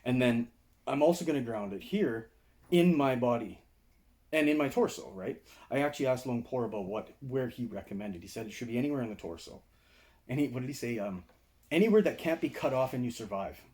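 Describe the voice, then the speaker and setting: Mellow-voiced man teaching meditation. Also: medium pitch, fairly quick. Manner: conversational, explains with frequent "right?" and "okay?" check-ins. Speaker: meditation and martial arts teacher. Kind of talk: casual video lecture to camera. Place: indoors, seated.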